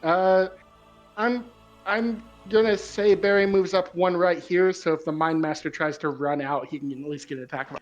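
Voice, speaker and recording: A man talks casually as a player at a tabletop role-playing game. His voice sits a little high, with faint music underneath. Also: fairly even intonation, moderate pace, muffled recording.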